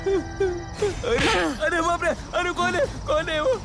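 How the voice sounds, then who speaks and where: A jittery young villager who scares easily and likes his drink, his high voice swinging wildly up and down. He cries out and begs in a dubbed TV horror drama, with loud music behind him. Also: lively intonation, normal speed. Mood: terrified. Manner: panicky, shouting and pleading. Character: terrified young village man, boozy and easily spooked. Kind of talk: dubbed TV horror serial acting.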